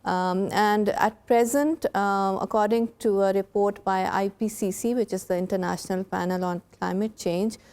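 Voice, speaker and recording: A woman with a Pakistani accent, a guest engineer chatting in a talk show interview and recounting things in a halting, conversational way. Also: mid-range voice, fairly even intonation, darkish tone, clean tone.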